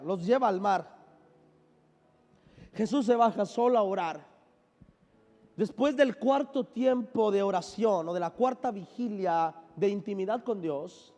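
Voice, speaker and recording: A man's voice: high-pitched, vocal fry, a little mellow. A man pastor preaching a sermon, leading the congregation in call-and-response with joking asides, sounding a bit unwell. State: unwell, says he is sick. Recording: long hall reverb.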